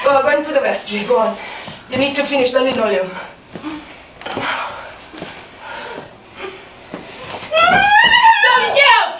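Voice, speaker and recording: An actress playing a scheming maid who mocks and shouts theatrically on a stage, caught from a distance in an echoey theatre. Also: female voice, high voice, fast talker, close to an everyday voice. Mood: frenzied. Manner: mocking, theatrical, with bursts of laughter and shouting. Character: a scheming maid, a grown woman, mocking and unhinged. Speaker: stage actor. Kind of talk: live stage acting. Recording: distant, echoey theatre recording with room noise.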